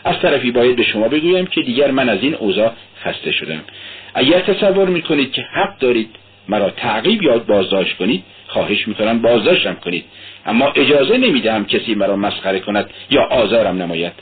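Nervy defiant young guy, a man reading him, husky, tinny radio sound. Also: mid-range voice, big pitch swings. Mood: tense. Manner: tense and defiant. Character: agitated, defiant young male student.

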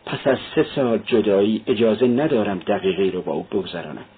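A husky-voiced man reading a novel aloud, voicing a frightened, pleading elderly mother in a raised voice. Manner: high, pleading and fearful. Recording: tinny phone-like sound.

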